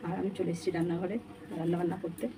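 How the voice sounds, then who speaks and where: A woman chatting casually to her viewers while cooking at home, keeping her voice low so her sleeping son is not woken. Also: level tone, rapid-fire. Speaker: home vlogger and mother. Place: home kitchen with a tin roof during rain. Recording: noisy home recording with rain on a tin roof.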